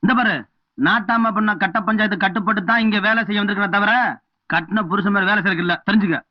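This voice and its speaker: Man as a cheeky farmhand, fast, high, sharp retorts, dry film audio. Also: fairly even intonation, no room sound, close to an everyday voice. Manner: quick, cheeky comebacks. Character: cheeky farmhand sent to clean a cowshed. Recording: dull film soundtrack with music.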